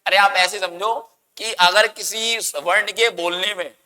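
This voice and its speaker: A man's voice: high-pitched, steady tone, a little slow, sharp tone, in a large hall. A man teaching a grammar lesson, asking the class questions and answering them himself, and coaxing students to say sounds aloud.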